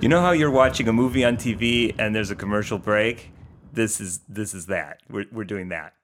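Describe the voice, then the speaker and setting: A man's voice: lowish voice, moderate pace. A man playing a tabletop game, with wry, joking commentary. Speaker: player. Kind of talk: casual tabletop role-play.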